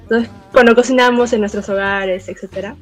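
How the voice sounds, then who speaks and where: A woman's voice: on the high side, steady tone, a little fast, soft background music. A young woman from Peru with a Lima Spanish accent, speaking thoughtfully in a casual podcast chat. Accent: Peruvian Spanish, Lima. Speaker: podcast co-host.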